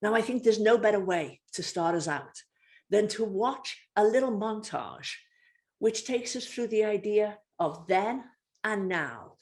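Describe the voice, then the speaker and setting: A woman's voice: mid-range voice, animated, a little slow, darkish tone. Polished woman hosting a video call. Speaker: host. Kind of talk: hosting an online alumni event.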